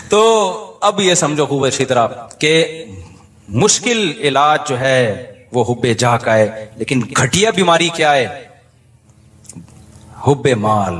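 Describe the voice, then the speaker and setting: Speaking a little high in a large hall, a man who is an Islamic scholar gives a lighthearted religious talk. He tells stories playfully and breaks into laughter between his points.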